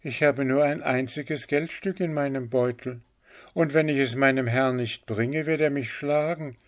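A man's voice: mid-range voice, steady tone, measured pace, voice pushed up, close to an everyday voice. A man voicing a meek, anxious enslaved boy in a fairy tale, in an earnest raised voice.

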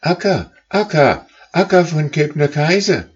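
A man voicing a flock of wild geese who call out again and again in high, shrill tones from the back of the flock. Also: animated, slow, breathy edge, lo-fi sound, heavily acted. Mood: urgent calling. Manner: shrill repeated calls.

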